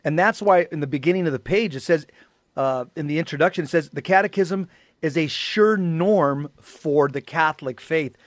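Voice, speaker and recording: A man's voice: fairly high pitch, moderate pace, no echo. Earnest man, dry close sound. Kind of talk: casual talk show chat.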